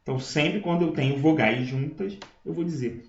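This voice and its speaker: A man's voice: fairly high pitch, moderate pace. A man teaching a grammar lesson, explaining step by step and checking in with his listeners. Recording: echoey room, dull lo-fi sound.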